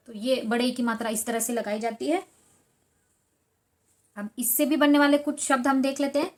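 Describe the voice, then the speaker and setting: A young adult woman teaching children, slowly spelling words out syllable by syllable in a patient tone. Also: high voice. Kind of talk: slow, patient lesson for children.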